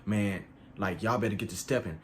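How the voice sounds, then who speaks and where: A man doing a furious armed man shouting threats. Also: on the low side, brisk, slight background noise, natural voice. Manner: yelling, threatening. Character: angry armed man woken from sleep.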